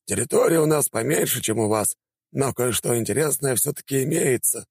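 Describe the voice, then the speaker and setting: A man's voice: mid-range voice, a little fast, vocal fry, darkish tone, slightly rough, no room sound, voice pushed up. A man voicing a jovial elderly male teacher in an audiobook, drawling and exclaiming heartily. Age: older. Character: spry old male teacher, jovial and warm.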